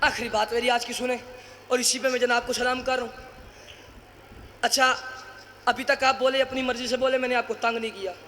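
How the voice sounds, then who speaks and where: A man preaching at a mourning gathering, fervent and building to shouted, drawn-out refrains. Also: extremely high pitch, little pitch movement, a little hiss or hum. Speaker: zakir, majlis preacher. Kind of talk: impassioned majlis oratory. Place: mourning gathering before a crowd.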